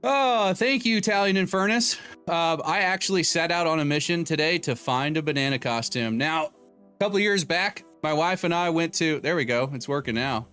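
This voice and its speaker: A young man with a slightly high voice hosts a relaxed live stream from a home room, talking into a desk mic. He jokes around and calls out viewer names and donations as they come in. Faint background music plays under his voice. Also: normal speed, clean tone. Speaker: streamer host. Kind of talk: casual live-stream chat.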